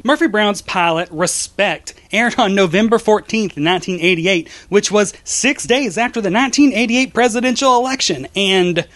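Man, campy drag queen, American accent, high pitch, theatrical, comedic hosting, middle-aged. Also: a bit bright. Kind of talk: scripted comedic hosting to camera. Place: small home office, indoors.

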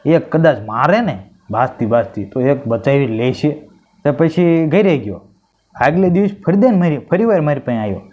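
A man telling a string of jokes, lively and mimicking the voices of the people in them. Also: fairly high pitch, moderate pace. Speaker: stand-up comedian telling jokes. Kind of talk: joke-telling monologue. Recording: dull lo-fi sound.

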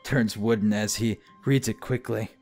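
A man's voice: fairly low pitch, steady tone, moderate pace, a little mellow, faint music behind. A man reading a visual novel aloud in a mock-dramatic way, breaking off into jokes with a friend. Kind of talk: comedic read-through.

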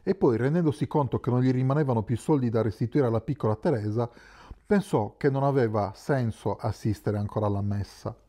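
A man with a mid-range voice reads a literary novel as an audiobook. His scripted narration is calm and measured.

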